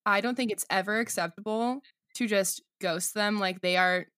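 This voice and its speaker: A woman's voice: medium pitch, moderate pace, fairly bright tone. A woman in a casual chat, speaking bluntly and opinionated, with frequent fillers of like. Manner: blunt, opinionated, says like a lot.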